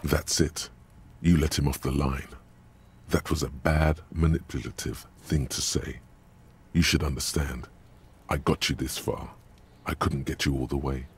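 A man voicing the stern inner narrator of a detective video game, speaking in a grave, measured, coaching way. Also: extremely low pitch, steady tone, breathy edge, heavily acted. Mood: calm coaching.

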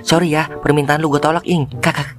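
A man voicing a brash newlywed in an animated drama, teasing his friend. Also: on the high side, faint music behind, close to an everyday voice. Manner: brash, teasing, fast-talking.

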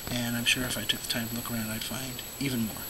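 A hoarse man who is losing his voice from illness talks casually to camera as an aquarium vlogger and show host. His mid-range voice is scratchy and often drops to a whisper. He talks fast, relaxed and rambling, with many fillers.

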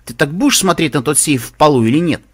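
This is a hot-tempered, protective young pegasus stallion in an audiobook, as a male reader puts him on. He sounds husky and sits a little high for a man. He tends to raise his voice into loud, scolding shouts. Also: animated, quick pace. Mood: gentle.

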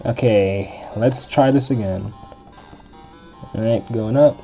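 Slow and mellow, with vocal fry, a deep-voiced young man rambles through casual let's-play commentary as a game walkthrough host. He's chatty and leans heavily on filler words. Faint game music plays under a dull, lo-fi recording.

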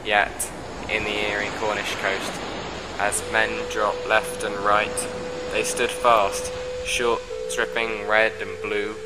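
A young man reciting his own spoken-word epic in a measured, rhythmic way, with a recurring refrain. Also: fairly low pitch, flat delivery, very noisy. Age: young adult. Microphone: close mic, audio overdubbed. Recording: voice over loud backing music. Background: loud music bed.

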